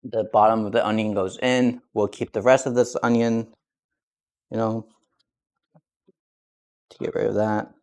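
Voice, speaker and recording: A young vlogger who grew up speaking Russian and learned English at eight rambles casually while cooking on stream, restarting his sentences. His voice is fairly low and a little mellow, level in tone, a little slow, with long pauses.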